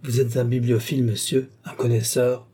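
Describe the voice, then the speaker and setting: A man's voice: mid-range voice, little pitch movement, normal speed, warm tone, close to an everyday voice. A man voicing a fawning, eager male bookseller who pushes his wares with effusive patter, in a narrated story. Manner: pushy, effusive salesman patter.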